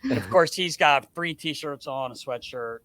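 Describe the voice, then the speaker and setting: A man's voice: on the high side, unhurried. A middle-aged man, a guest on a podcast, telling stories in casual chat, acting out what others said with many restarts. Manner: animated storyteller, acts out quoted dialogue, frequent restarts. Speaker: guest, hockey scout.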